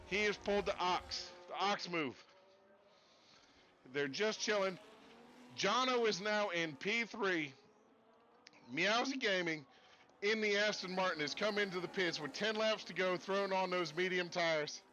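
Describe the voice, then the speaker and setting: A man commentating a sim race in a put-on Texas accent, folksy and excitable. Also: high-pitched, measured pace, pauses often, soft background music, low-quality recording.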